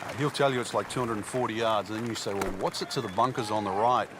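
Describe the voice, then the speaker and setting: A man working as a golf commentator, giving conversational, explanatory analysis in a measured way. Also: fairly low pitch, close to an everyday voice. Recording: outdoor crowd and ambient noise behind. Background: loud crowd, outdoor ambience.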